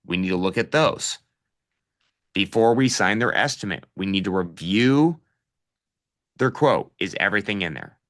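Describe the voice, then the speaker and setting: Casual man coach, middle-aged, bright forceful tone, direct and practical. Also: on the low side, expressive, normal speed, long pauses. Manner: casual, addresses listeners as "you guys"; direct practical advice with fillers. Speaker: real estate investing coach. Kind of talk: live online coaching session.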